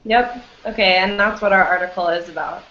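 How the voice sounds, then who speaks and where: An American woman teaches an English class online, friendly and full of fillers like "um" and "you know." Her mid-range voice is brisk, pushed, and bright, captured in echoey, dull lo-fi audio.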